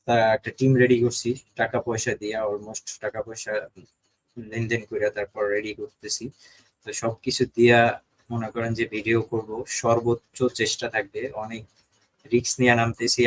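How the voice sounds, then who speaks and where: On his ghost-hunting channel's live stream, a young Bangladeshi host reads out viewer comments in Bangladeshi Bengali, again and again checking with the audience by saying "ঠিক আছে?". His medium voice is a bit bright; audio quality is low.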